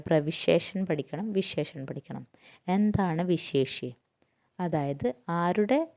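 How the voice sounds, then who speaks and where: A woman's voice: low-pitched, darkish tone. A woman teaching a grammar lesson, asking herself questions and answering them, going through lists term by term.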